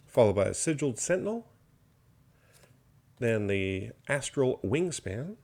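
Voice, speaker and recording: A card box opener with a lowish voice, slightly hoarse as he recovers from illness, tears open trading card packs. He names each card in steady, listing unboxing commentary with mild enthusiasm.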